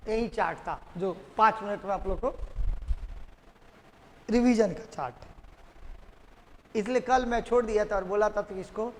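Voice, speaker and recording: A male teacher giving a classroom lecture, repeatedly quizzing his students and having them echo the key terms. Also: very high-pitched. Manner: drilling students with repeated questions. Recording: classroom with long reverb.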